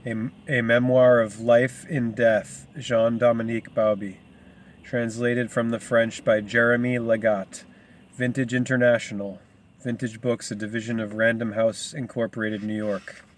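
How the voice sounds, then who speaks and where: A man reads a book aloud in a loose, casual way, drifting off into chatty asides. He stumbles over unfamiliar names, and his pitch stays in a middle register. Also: level tone, measured pace, a little hiss or hum. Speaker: reader. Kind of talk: casual rambling book reading.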